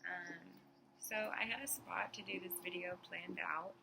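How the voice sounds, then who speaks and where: Sleepy-voiced young woman musing softly. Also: fairly low pitch, fairly even intonation, gravelly, background noise. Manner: soft, unhurried, many "um" pauses. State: sleepy morning voice. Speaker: vlogger. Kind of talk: casual reflective monologue.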